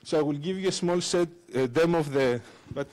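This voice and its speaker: Halting man giving a tech talk. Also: fairly high pitch, a little mellow. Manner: halting, many fillers and restarts, non-native phrasing. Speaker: conference speaker. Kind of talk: technical conference talk with live demo. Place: lecture room at a conference. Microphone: handheld microphone.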